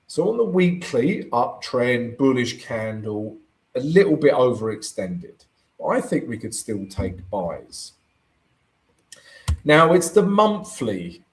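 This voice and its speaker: A man with a croaky voice goes over his charts during a live trading broadcast, speaking slowly with big swings in pitch. Chatty and engaged, he reads out and replies to viewer comments, constantly checking in with a "right?"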